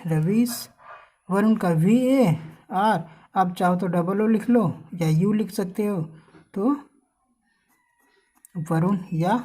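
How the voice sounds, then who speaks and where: A woman's voice: mid-range voice, warm tone. A woman teaching how to spell names, asking questions to the viewer and drawing out each letter. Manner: slow, drawn-out spelling with quiz questions to the viewer. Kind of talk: spelling lesson for learners.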